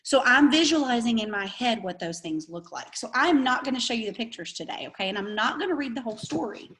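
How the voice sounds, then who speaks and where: Young woman, classroom teacher on video, slow sound-stretching delivery for little kids. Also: fairly high pitch, lively intonation, a bit bright. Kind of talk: kindergarten writing and read-aloud lesson.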